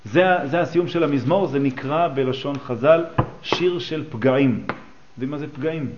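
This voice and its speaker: A man's voice: fairly high pitch, lo-fi sound, background noise. A man teaching a class on scripture, explaining the texts line by line and asking his listeners questions. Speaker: religious teacher. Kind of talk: teaching a class on a psalm and midrash.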